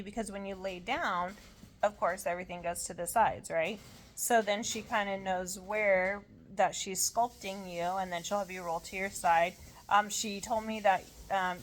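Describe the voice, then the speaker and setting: A tired woman recovering from surgery, talking in a casual, halting, rambling way as she shares an update. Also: mid-range voice. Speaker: vlogger sharing surgery recovery. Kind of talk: casual chat.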